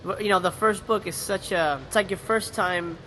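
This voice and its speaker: A man's voice: high-pitched, slight background noise, rough recording. A man hosting an interview podcast, chatting enthusiastically and often restarting his sentences. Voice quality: animated storyteller. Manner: halting and enthusiastic, many restarts. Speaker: podcast host. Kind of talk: casual interview chat.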